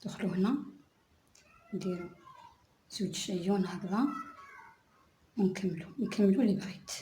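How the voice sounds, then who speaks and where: Woman teaching crochet, soft, mellow voice, slow stitch counting, roomy echo. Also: medium pitch, slight background noise. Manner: soft-spoken, counts stitches aloud slowly. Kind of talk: step-by-step tutorial narration.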